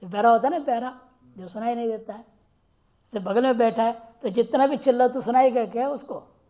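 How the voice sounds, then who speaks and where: A woman with a fairly high but dark-toned voice delivers a grammar lecture. She asks her class questions and slows way down to chant the Sanskrit rules one word at a time.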